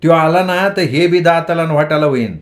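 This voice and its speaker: A man's voice: fairly high pitch, moderate pace, voice pushed up, lightly acted. A man voicing an affectionate rural mother who scolds tenderly in village dialect, in a storytelling audiobook. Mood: coaxing, tender. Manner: coaxing, chiding village dialect.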